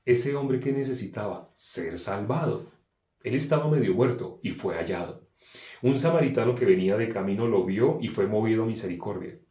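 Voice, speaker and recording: A man preaching a sermon, emphatic, asking questions and answering them himself, swinging between loud and soft. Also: on the low side, expressive, normal speed, echoey room.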